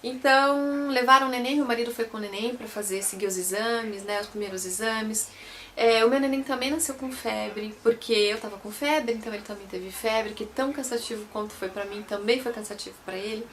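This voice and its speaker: A woman's voice: on the high side, steady tone, fairly quick, fairly bright tone, a little hiss or hum. A young Brazilian woman telling her own story to camera in a chatty way, often repeating and correcting herself. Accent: Brazilian Portuguese. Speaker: vlogger.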